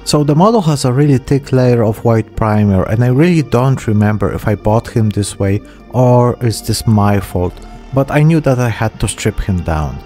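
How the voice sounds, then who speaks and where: The narrator is a man in his thirties who runs a miniature painting channel, giving a relaxed, self-mocking tutorial on his hobby. He has a medium-pitched, dark-toned voice with lively intonation at a moderate pace. It's recorded close on a desk microphone with a pop filter in a small room, with faint music in the background.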